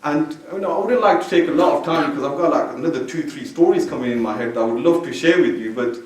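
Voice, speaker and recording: A fast-talking Belgian man, a religious speaker, gives an informal, conversational sermon in a mosque hall, peppering it with "you know." His voice is fairly high with a darkish tone. Standing back from a stand mic, he sounds distant, awash in heavy room echo.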